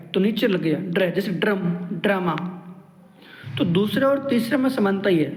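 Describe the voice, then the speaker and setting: A man teaching a grammar lesson, explaining each rule step by step and repeating it several times. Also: high-pitched. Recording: echoey room with long reverb.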